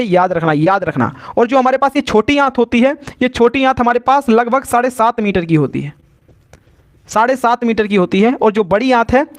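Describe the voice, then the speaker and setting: High-voiced male teacher, repetitive. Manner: repetitive call-and-response teaching, answering his own questions. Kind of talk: live online science lesson.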